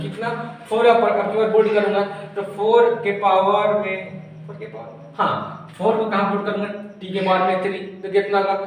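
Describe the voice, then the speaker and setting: A man's voice: high-pitched, distant mic. A male tutor giving an informal exam-prep lesson, chatty and familiar, asking and answering his own questions. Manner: calls the viewer brother, very familiar. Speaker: physics tutor. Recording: echoey room, faint room noise.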